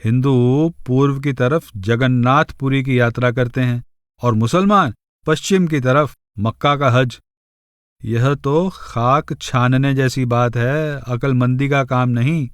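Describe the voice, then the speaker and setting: A man narrating a spiritual audiobook in a measured way, reciting verses slowly in a chanting cadence. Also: medium pitch, smooth, no room sound, studio quality.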